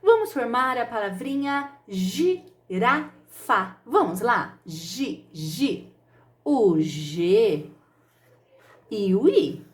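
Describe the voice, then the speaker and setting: Slow, sing-song woman teacher. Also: fairly high pitch, very animated. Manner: slow, sing-song, affectionate teacher talk with exaggerated syllables. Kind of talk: children's phonics lesson.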